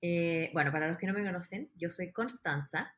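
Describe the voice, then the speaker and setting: A woman's voice: on the low side, moderate pace. A woman from Chile with a Chilean accent, a singer guest chatting casually on a podcast, laughing often as she tells stories. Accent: Chilean Spanish.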